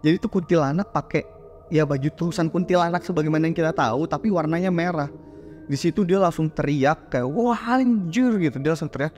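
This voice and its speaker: A man's voice: on the high side, darkish tone. A man hosting a horror story show, telling it in a casual, slangy way and acting out the characters' lines. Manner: slangy, chatty, acts out the characters' quoted lines.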